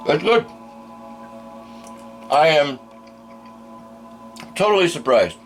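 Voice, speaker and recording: A man's voice: a little high, big pitch swings, slow, faint music behind. Crude, drunken-sounding man reviewing food. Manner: blunt, crude, constantly swearing; drunken-sounding rambling talk. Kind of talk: casual unscripted food review.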